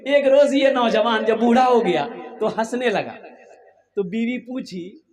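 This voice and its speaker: Man, preacher, high-pitched, animated storytelling sermon. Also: unhurried. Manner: animated storytelling, acts out voices of characters.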